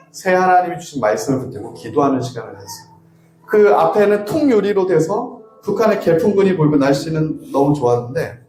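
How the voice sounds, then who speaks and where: A man preacher giving a sermon that builds into impassioned, shouted prayer. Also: a little high, roomy sound. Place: church sanctuary.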